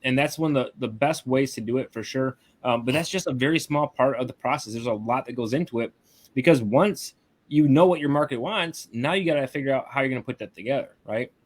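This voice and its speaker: A man's voice: mid-range voice, brisk. Casual man coaching on a video call. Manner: casual, tags lines with "right?". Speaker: online marketing coach. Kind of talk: live webinar teaching.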